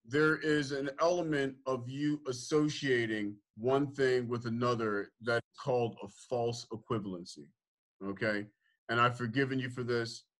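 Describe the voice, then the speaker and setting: A man's voice: mid-range voice, fairly even intonation, moderate pace, a bit bright. A man hosting a podcast, confronting his guest firmly and insistently, cutting in repeatedly. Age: older than guest. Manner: firm, insistent, repeats name to interrupt. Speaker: podcast host.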